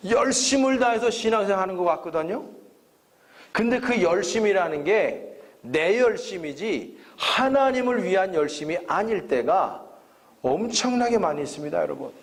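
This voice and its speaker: Korean pastor preaching a revival sermon. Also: male voice, high-pitched. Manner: jokes with the congregation, asks them questions. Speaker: guest pastor. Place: church sanctuary.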